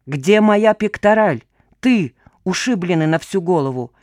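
A hot-tempered businessman, as a woman narrator plays him roars his words loudly and with force. The reading is close to the mic with a dry sound. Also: lowish voice, animated, measured pace, no room sound. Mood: furious. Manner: loud and roaring. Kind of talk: audiobook character voice.

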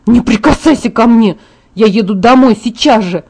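Woman reader voicing a sharp-tongued angry teen girl, mellow dark tone, snappy delivery. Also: on the high side, normal speed. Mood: furious. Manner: hissing, snapping retorts.

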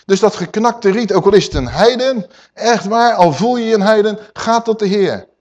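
A man preaching a sermon, emphatic and swinging between loud and hushed, calling his listeners dear people. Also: sits high, lively intonation, normal speed.

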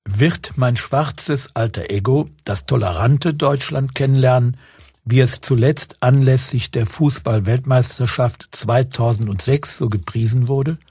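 A man reads his own reportage aloud in a sober, measured way with a wry edge. His voice is strongly husky and darkly mellow. The recording is close and dry. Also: mid-range voice, no room sound. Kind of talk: scripted first-person narration.

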